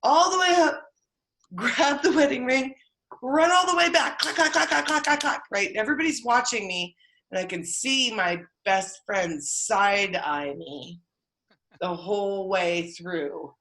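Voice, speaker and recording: A woman hosting a virtual story slam, telling a story in an animated way and acting out sounds and quotes. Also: medium pitch, a little slow. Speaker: host.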